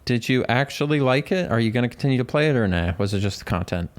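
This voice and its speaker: A man's voice: medium pitch, expressive, fast. A man co-hosting a casual podcast, telling stories in a rambling, self-interrupting way. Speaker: podcast co-host.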